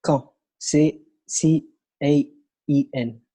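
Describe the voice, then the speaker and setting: A man's voice: a little high, fairly even intonation, very slow, warm tone, no echo. A man from France, a native French speaker, giving brief, hesitant answers as a guest on a video call.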